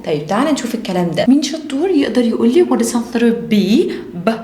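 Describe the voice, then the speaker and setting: A woman with an Egyptian Arabic accent teaching English phonics to children, slowly drilling and repeating each sound. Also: on the high side, very animated, warm tone, reverberant.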